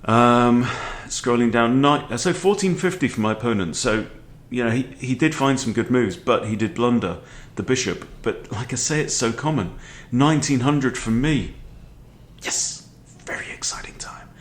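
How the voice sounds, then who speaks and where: A man in his forties, hosting a chess video, gives casual, conversational commentary on a game and often checks in with short questions. His voice is medium-pitched with lively intonation, moving at a moderate pace with hardly any pauses. He's indoors at home in a book-lined room.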